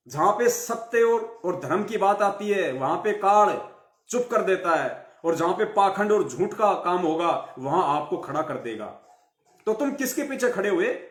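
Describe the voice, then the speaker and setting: A devotional live speaker, a man with a faint tinge in his speech, delivers a fiery sermon, scolding his listeners, asking rhetorical questions and repeating phrases for emphasis. His voice is high for a man, and the recording carries a roomy echo.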